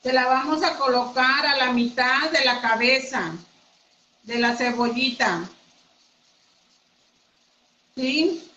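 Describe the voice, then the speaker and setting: A woman's voice: high voice, pushed and bright, a little hiss or hum. A woman teaching a casual live craft class from home, chatting with her viewers as friends. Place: home room. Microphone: computer mic. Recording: echoey room, dull audio.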